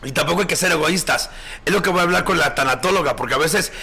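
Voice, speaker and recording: A man's voice: a little high, fast, pushed and bright, slightly rough. A man hosting a live call-in show as a drag performer, campy, affectionate and swearing freely.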